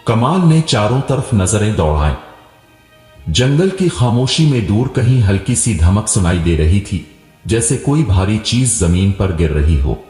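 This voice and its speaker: A storyteller with a fairly low, darkish voice narrates a scripted moral story in an unhurried, sing-song way. The recording is roomy with a long reverb, and music plays behind him.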